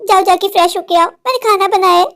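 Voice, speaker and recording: A woman's voice: very high-pitched, steady tone, quick pace, gravelly, a bit bright, full character voice. A woman voicing a doting, overprotective mother in a cartoon, affectionate but firm with her daughter. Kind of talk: cartoon voice acting.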